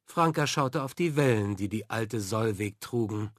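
A man narrating a children's story in an expressive, measured reading. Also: fairly low pitch, dry recording, studio quality. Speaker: audiobook narrator.

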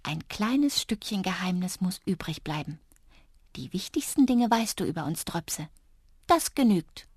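A woman voicing a tiny, kind male ear sprite who speaks gently and giggles. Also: mid-range voice, big pitch swings, moderate pace, slightly rough, no echo, clean studio sound. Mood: giggly, secretive.

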